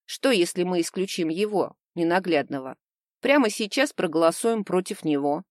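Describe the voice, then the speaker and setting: A woman's voice: on the low side, lively intonation, moderate pace, no echo, studio quality, natural voice. A woman voicing a sly, pushy young man who likes to interrogate others and speaks in a taunting, mocking way.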